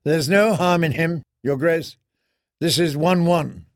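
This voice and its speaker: A man playing an earnest young commander who speaks with measured courtesy. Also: on the high side, no room sound, clean studio sound.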